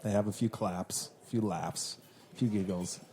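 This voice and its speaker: A man with an Australian accent, co-hosting a casual TV recap podcast, chatty and quick to laugh while retelling scenes. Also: on the low side, steady tone, mellow, slight background noise. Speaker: podcast co-host.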